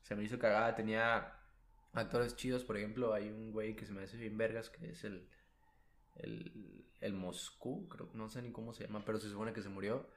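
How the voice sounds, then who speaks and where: A man's voice: on the low side, fairly even intonation, moderate pace. A man with a Mexican accent co-hosting a podcast in casual chat, slangy and profane, rambling with lots of fillers. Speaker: podcast co-host. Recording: roomy echo.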